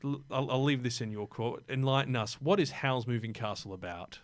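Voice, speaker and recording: A man co-hosting a laid-back anime podcast, rattling off film trivia between fillers. His voice sits at an ordinary middle pitch. It is recorded close and dry, with no room sound. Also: brisk, dry recording. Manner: chatty, lots of fillers, runs through film facts. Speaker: podcast co-host. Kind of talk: casual anime podcast chat.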